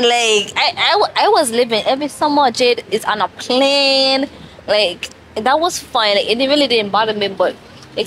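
Woman, late 20s, slightly tipsy, rambling vlog chat, highish voice, noisy street behind. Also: a bit bright. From Saint Kitts and Nevis. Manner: loose, rambling, confiding. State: tipsy from a drink. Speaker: vlogger. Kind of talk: casual rambling chat to camera.

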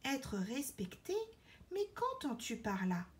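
A woman's voice: high-pitched, big pitch swings, normal speed, voice pushed up. Woman voicing a wise bonobo queen. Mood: thoughtful.

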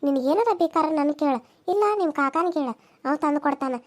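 A woman voicing an older village aunt who soothes and gently advises, with a North Karnataka accent. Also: sits high, fast talker, natural voice. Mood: comforting. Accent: North Karnataka Kannada. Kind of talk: cartoon serial dialogue.

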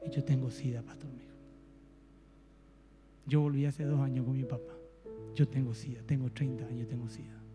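A man with a Paraguayan Spanish accent preaching a sermon, telling a story and swinging between soft and emphatic delivery. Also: medium pitch, flat delivery, moderate pace, pauses often. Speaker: pastor. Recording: reverberant church hall with faint music.

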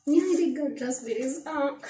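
A young Kenyan woman with a Kenyan accent chats about her groceries, slipping into Swahili and repeating words. Her voice sits a little high and her pace is slow. The camera picks her up from a distance in an echoey room with a faint hiss behind her. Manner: chatty, repeats words, mixes in Swahili phrases. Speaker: vlogger. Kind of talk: casual grocery haul chat. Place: small room at home, indoors.

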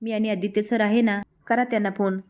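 A woman's voice: medium pitch, steady tone, brisk, darkish tone, close to an everyday voice. Kind young village woman, encouraging, voiced by a woman storyteller.

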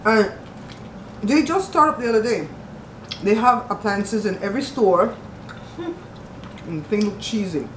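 A woman's voice: medium pitch, measured pace, long pauses, distant mic. A woman chats loosely while chewing, her words a little muffled by food. Her voice sits in a mid range and sounds set back from the mic in an echoey home room. A faint hiss of ambience runs under her. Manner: chatty, rambling and conversational. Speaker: mukbang host. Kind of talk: casual chat while eating on camera. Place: at home at the table. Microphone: camera set up some distance away.

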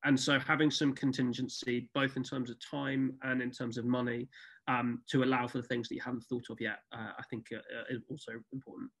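A man's voice: medium pitch, flat delivery, a little fast, fairly bright tone, slightly rough. A man theatre producer on a video call, speaking thoughtfully with frequent ums on a panel. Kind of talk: panel discussion.

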